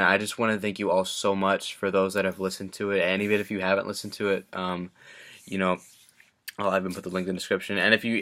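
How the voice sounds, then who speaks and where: Young man, late teens, casual vlog, bright forceful tone, rambling, many ums and restarts. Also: deep voice. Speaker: vlogger and hip-hop artist.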